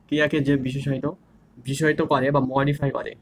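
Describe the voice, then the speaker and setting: A man's voice: mid-range voice, little pitch movement, fairly quick. A young man teaching an online grammar lesson, repeating key terms and asking and answering his own questions. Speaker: grammar instructor.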